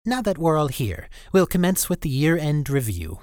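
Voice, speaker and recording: A man's voice: a little high, very animated, normal speed, darkish tone, dry recording, clean studio sound, voice pushed up. A man voicing a whiny, pompous middle-aged male teacher with a grating voice and formal, announcing delivery.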